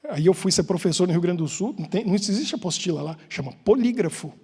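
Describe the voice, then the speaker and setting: A Brazilian man preaching with a Brazilian Portuguese accent, chatty and joking as he asks the congregation questions. His voice sits high and comes out a little husky. The long reverb of a church hall hangs behind every word. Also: lively intonation, fast, warm tone. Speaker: pastor. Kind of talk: informal sermon with banter.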